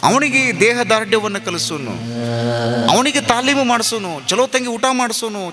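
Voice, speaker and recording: A man with a North Karnataka Kannada accent, preaching a storytelling sermon to a seated audience with dramatic, emphatic delivery and repeated phrases. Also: high voice. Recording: noisy live sermon recording.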